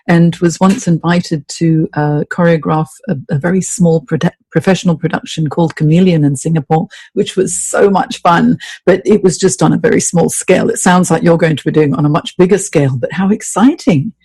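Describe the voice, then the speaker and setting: Mellow, husky-voiced female interviewer. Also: low-pitched, normal speed, no echo. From Hong Kong. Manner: effusive, admiring questions. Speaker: host. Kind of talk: interview podcast.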